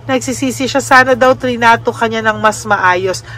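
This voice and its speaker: A Filipino woman giving a casual spoken card reading to her viewers, gentle and often adding little tag questions. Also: on the high side, normal speed. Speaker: tarot card reader.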